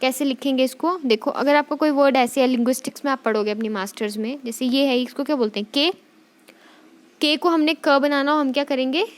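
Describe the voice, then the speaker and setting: A woman's voice: sits high, a little fast. A young woman teacher giving an exam-prep lecture in mixed Hindi and English. She dictates definitions word by word, repeats them, and checks in with "theek hai".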